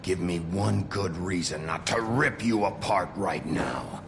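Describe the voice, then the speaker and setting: An actor playing a menacing, hot-tempered male werewolf detective in a video game, speaking in a low, threatening voice. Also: takes it slowly. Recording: game audio under loud noise.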